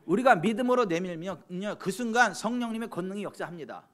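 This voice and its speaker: A man preaching a sermon as pastor, swinging from soft chatty asides to loud fervent exhortation and teasing church members. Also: high voice, animated, a little fast. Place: church sanctuary.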